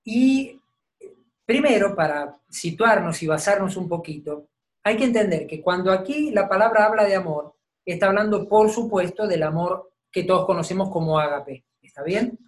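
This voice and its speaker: A woman's voice: medium pitch, expressive, normal speed. Woman teaching a Bible lesson. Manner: explanatory, checks in with listeners. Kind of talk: teaching sermon.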